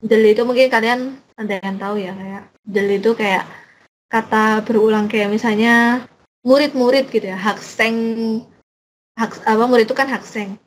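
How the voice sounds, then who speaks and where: A woman's voice: fairly high pitch, fairly even intonation, moderate pace, slight background noise, rough recording. A young adult woman teaching a casual online language lesson, chatty and full of examples and fillers.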